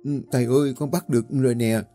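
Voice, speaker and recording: A man voicing a jittery, easily panicked young village man, talking fast in a raised voice. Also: mid-range voice, fairly even intonation, warm tone, soft background music, natural voice. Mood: breathless. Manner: quick, raised, breathless.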